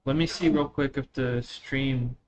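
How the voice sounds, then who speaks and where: A man who was born in Russia and moved to the United States at eleven chats casually with viewers while streaming a game, using slang and a slight Russian accent. His medium-pitched voice stays fairly even and unhurried. The lo-fi mic sounds dull, with faint noise.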